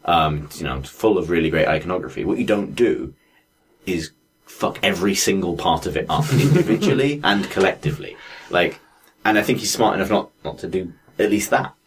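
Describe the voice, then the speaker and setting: A man's voice: deep voice, lively intonation, fairly quick, slight background noise. A man co-hosting a podcast, talking in casual, profane, emphatic chat and laughing often. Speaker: podcast co-host.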